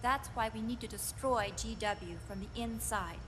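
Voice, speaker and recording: A woman's voice: on the high side, moderate pace, background noise, lightly acted. A woman playing a grave, commanding officer who leads a mission briefing in a video game. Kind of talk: scripted video game voice acting. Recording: long hall reverb, music behind.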